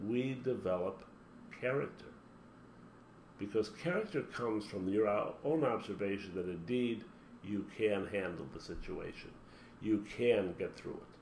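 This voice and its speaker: Fairly low and slightly mellow, this man's voice carries an emphatic motivational talk in the role of a spiritual teacher, full of long spoken lists. The recording has a roomy echo with quiet background hum.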